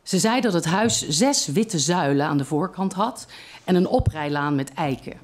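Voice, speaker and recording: Calm reader for a live short-story evening, measured delivery. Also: mid-range voice. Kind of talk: reading a short story aloud at a literary evening.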